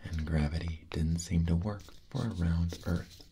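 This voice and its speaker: Very deep man, doubled whisper layer. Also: fairly even intonation, unhurried, dark tone. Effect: voice layered with a doubled whispered track. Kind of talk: ASMR book reading. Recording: clear background noise with clicks.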